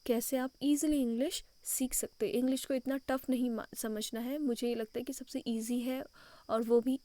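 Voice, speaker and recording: A woman teacher gives an English lesson, mixing Hindi with English and spelling words out letter by letter. Her voice sits a little high but sounds mellow and soft-edged. The sound is dry, with no room echo. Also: fairly even intonation, normal speed.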